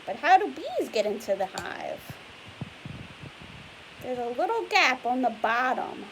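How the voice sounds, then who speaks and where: A woman reads a picture book aloud to young children, patiently explaining it in simple words and asking the listener questions. Her high voice is very animated at a measured pace, and the rough recording carries clear hiss and noise.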